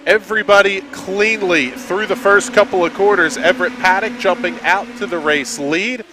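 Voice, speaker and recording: A man calling play-by-play for an online racing broadcast, brisk and steady, rising sharply when trouble hits the track. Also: sits high, noisy background. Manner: brisk, builds to shouts at incidents. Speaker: play-by-play commentator. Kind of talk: sim racing play-by-play commentary.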